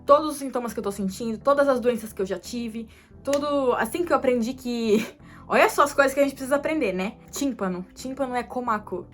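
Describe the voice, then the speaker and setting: A young woman vlogging casually to camera, chatty and rambling, dropping Japanese words into her talk, with soft music underneath. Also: a little high.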